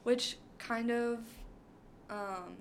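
A woman's voice: on the high side, fairly even intonation, very slow, slight background noise. A young woman co-hosting a podcast, recapping a show in casual chat, rambling with many fillers. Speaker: podcast co-host.

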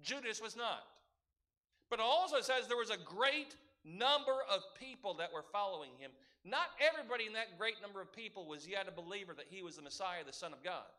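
A man's voice: high voice, lively intonation, a little fast, sharp tone. A man preaching a sermon as a pastor, earnest and asking the congregation rhetorical questions.

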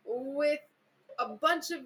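A woman's voice: sits high, takes it slowly, a bit bright. A woman hosting a casual book chat, enthusiastic and chatty, full of filler words. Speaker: podcast host.

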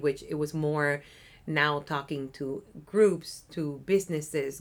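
Her voice sits low as she chats in an office interview about nonprofit community development work. She's a woman in her thirties from Cuba with a Cuban Spanish accent. She's a talkative, upbeat guest who often tags on "right?"

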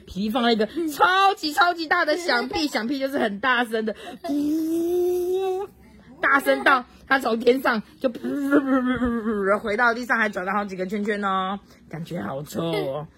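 A woman reading a children's storybook aloud at home to a child, very expressive and stopping to chat with the child. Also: on the high side, a little fast, hardly any pauses. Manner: expressive, swoops up for excitement, chats with the child.

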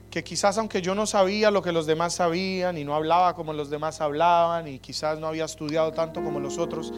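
A man preaching an earnest, personal sermon on prayer, often dropping to soft prayerful tones. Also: on the high side. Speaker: pastor. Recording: music bed under the voice. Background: soft instrumental music.

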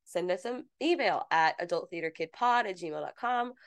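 A woman's voice: on the low side, expressive, normal speed, clear, resonant tone, dry recording. A woman co-hosting a podcast in casual, teasing chat. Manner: chatty, teasing, reads bits aloud. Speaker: podcast co-host.

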